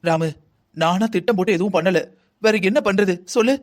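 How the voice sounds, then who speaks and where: A voice actor playing a calm, firm middle-aged mother in a cartoon drama, soothing but insistent. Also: mid-range voice, a little fast, natural voice.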